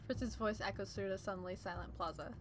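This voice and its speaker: A woman's voice: mid-range voice, a little fast. A woman reading a visual novel as its narrator, mixing dramatic storytelling with casual commentary.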